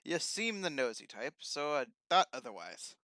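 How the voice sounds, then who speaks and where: Brief: a man voicing a teasing, cartoonish pirate mentor with a bright, swooping voice. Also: on the high side, sing-song, moderate pace, no echo, studio quality, exaggerated voice. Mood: hearty, teasing. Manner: old-fashioned speech, teasing. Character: jovial hearty male mentor, teasing and warm. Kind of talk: improvised character voicing.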